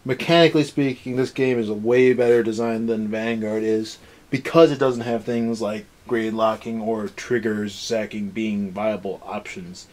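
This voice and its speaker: Rambling with exasperation, a young male host runs a casual rant-style episode review chat. He speaks at a moderate pace in a fairly low, slightly mellow voice with fairly even intonation.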